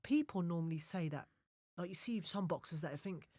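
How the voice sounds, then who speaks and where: A man's voice: on the high side, normal speed, warm tone, no echo. A man hosting a podcast interview, asking questions casually and nudging the guest on with short encouragements. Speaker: podcast host.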